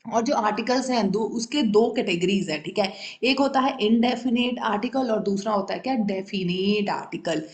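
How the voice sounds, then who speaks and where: A woman's voice: medium pitch, normal speed, echoey room. A woman teaching English grammar in a classroom style, often checking whether her students follow and repeating the key terms.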